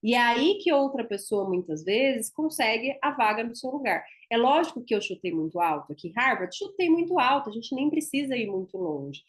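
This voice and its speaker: A woman's voice: fairly high pitch, big pitch swings, moderate pace, few pauses. A woman with a Brazilian Portuguese accent, a dentist teaching a class in a chatty, emphatic way and often tagging her sentences with "né?". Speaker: instructor and dentist.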